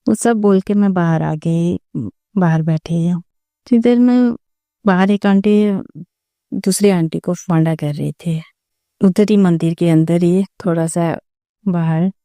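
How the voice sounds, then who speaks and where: Earnest woman sharing a slow testimony. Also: lowish voice, warm tone, no echo, clean studio sound. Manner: earnest, reflective, with pauses and restarts. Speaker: devotee sharing a personal story. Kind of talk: personal testimony, slow storytelling.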